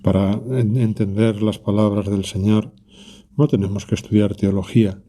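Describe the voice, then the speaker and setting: Calm low-voiced man leading prayer. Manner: calm, reflective, speaks directly to Jesus with pauses. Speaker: priest leading a prayer meditation. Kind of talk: spoken prayer meditation.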